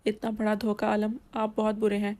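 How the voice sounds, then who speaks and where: Naive young wife, sulky, indignant, woman reading her lines, flat steady voice. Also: mid-range voice, close to an everyday voice. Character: naive young wife, innocent and hot-tempered.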